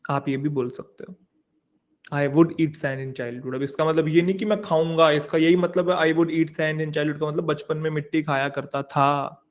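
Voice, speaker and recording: Hindi-speaking man teaching grammar, higher voice. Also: level tone, unhurried, lo-fi sound. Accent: Indian English. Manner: explains in Hindi, repeats key words as questions to students. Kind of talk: online exam-prep lecture.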